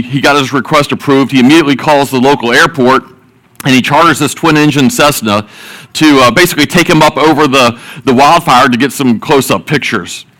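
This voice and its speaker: A man's voice: medium pitch, a bit bright, low-quality recording. A man preaching a sermon, opening with folksy joke stories and repeating his words as he goes. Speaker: pastor. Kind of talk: sermon with jokes.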